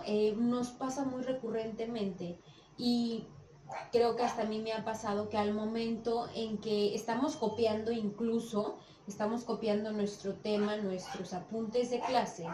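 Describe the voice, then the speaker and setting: Slow-speaking Mexican woman teacher, echoey. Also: a little high, mellow, slight background noise. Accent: Mexican Spanish. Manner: checks understanding with frequent "¿sí?" and "¿sale?". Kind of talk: classroom lesson. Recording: echoey room from a distance with faint background.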